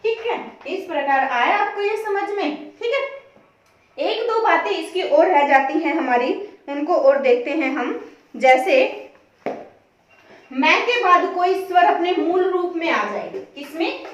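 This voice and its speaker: A woman's voice: very high voice, lively intonation, unhurried, slight background noise. A woman teaching a grammar lesson, posing questions to her students and answering them herself, repeating the key words. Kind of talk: classroom-style lesson. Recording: very echoey room, voice from a distance.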